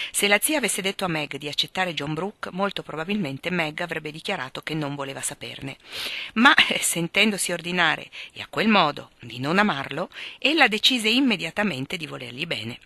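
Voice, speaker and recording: Woman narrator for a classic novel, low and bright, dry close sound. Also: no echo. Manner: measured, expressive storytelling. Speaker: audiobook reader. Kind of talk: literary audiobook narration.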